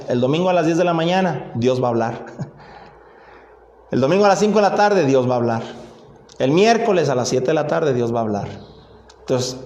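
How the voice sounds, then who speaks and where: A man with a Mexican accent preaching a sermon in a church, emphatic and repetitive, swinging between loud and hushed lines. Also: medium pitch. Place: church sanctuary. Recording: echoey church room.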